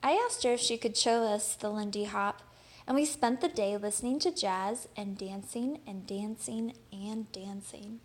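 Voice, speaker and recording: A woman takes her time reading a children's picture book aloud, bringing expressive storytelling to it in a mid-range voice.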